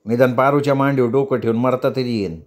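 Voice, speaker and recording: A man's voice: medium pitch, steady tone, quick pace, lightly acted. A male storyteller voicing an anxious working-class driver who pleads and argues his case.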